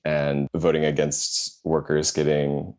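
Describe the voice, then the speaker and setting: Very deep-voiced wry male podcast host. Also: monotone, slow, smooth. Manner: wry, reads press quotes with asides. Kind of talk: casual podcast chat.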